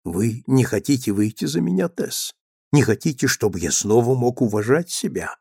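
A man reading an insistent gentleman suitor. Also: mid-range voice, expressive, moderate pace, creaky, husky, no echo, studio quality. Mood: pleading. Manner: pleading, then passionate outbursts.

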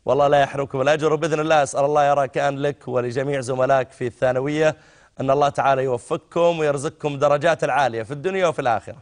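A middle-aged religious scholar with a Saudi accent answers callers with avuncular religious advice, calling them "my son." He talks very fast at a medium pitch with a steady tone.

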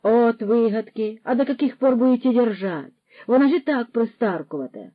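A woman's voice: on the high side, animated, moderate pace, no room sound, narrow, tinny audio, pitched above the performer's own voice. A woman voicing a boastful, pushy young male ex-soldier who mixes Russian words into his speech, in a storybook reading.

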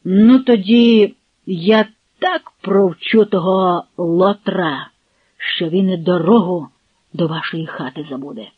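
A woman's voice: lowish voice, slow pace. A woman voicing a resolute young village man in an audiobook, speaking firmly and defiantly. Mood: determined. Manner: firm, defiant. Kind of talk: audiobook character voice. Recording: husky, phone-like, dry.

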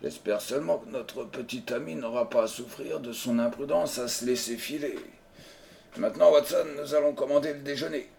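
A man's voice: medium pitch, moderate pace, gravelly, darkish tone, slight background noise, natural voice. A man voicing an unruffled, ironic detective in an audiobook, speaking in a honeyed, mocking tone. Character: calm, ironic male detective. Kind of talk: audiobook character reading.

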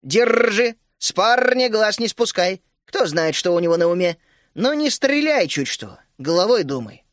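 A bossy little gnome queen, put on by a male reader, fires off brisk, mocking exclamations in a high, bouncing voice. The storybook reading is close and dry, with no room sound. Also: animated, no echo. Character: bossy cheerful female gnome queen, small.

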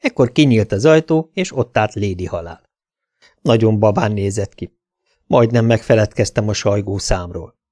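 A man's voice: lowish voice, a little mellow, no room sound, clean studio sound. A man narrating a first-person audiobook in a laconic, wry way.

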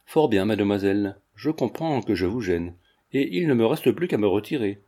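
A man's voice: fairly low pitch, animated, normal speed, warm tone. A man reading the lines of a haughty, ironic middle-aged mother in an audiobook, in a cool, formal way. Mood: piqued.

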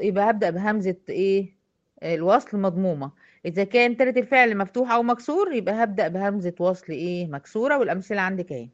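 A woman's voice: mid-range voice, lo-fi sound. A woman with an Egyptian accent teaching a recitation lesson, patiently quizzing her female students step by step. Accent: Egyptian Arabic.

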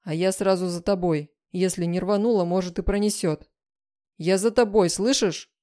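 A woman's voice: fairly low pitch, fairly even intonation, normal speed, warm tone, close to an everyday voice. A woman reading the part of a wounded, protective man who speaks with urgent commands and tender words.

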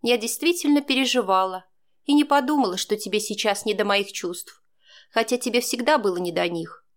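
A woman's voice: mid-range voice, fairly quick, lightly acted. A bitter, ironic young woman whose lines drip with sarcasm and cool condescension, as a woman reader puts her on. The voice is lifted well above the reader's plain narrating tone. It has the feel of an audiobook.

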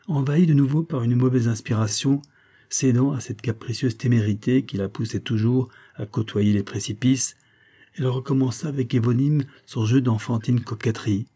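A man reading a classic novel aloud in measured, even storytelling. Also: mid-range voice, husky. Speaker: audiobook reader. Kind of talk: scripted narration of a classic novel.

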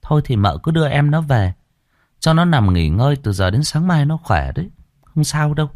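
A man voicing a fierce young village woman who scolds in sharp bursts. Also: a little high, very animated, moderate pace, no echo, clean studio sound, voice pushed up. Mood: reassuring.

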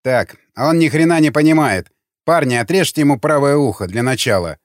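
A man's voice: mid-range voice, expressive, fairly quick, dry recording, studio quality, natural voice. A man voicing a ruthless raider commander who gives clipped, cold orders. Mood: commanding.

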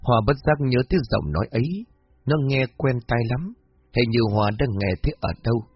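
Husky male storyteller, lo-fi. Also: medium pitch, animated, a little fast, dry recording. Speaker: narrator. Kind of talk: storybook narration.

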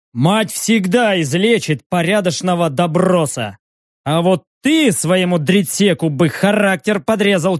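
A man's voice: high voice, no room sound, clean studio sound. A man voicing a proud, blustering male patrol leader who argues indignantly in an audiobook.

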